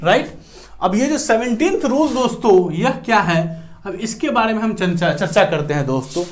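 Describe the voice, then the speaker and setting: Male grammar teacher with an Indian accent and a high voice, explaining in a mix of Hindi and English and constantly checking in with his viewers. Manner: mixes Hindi and English, keeps asking "right" and calling viewers friends. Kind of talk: classroom grammar lecture.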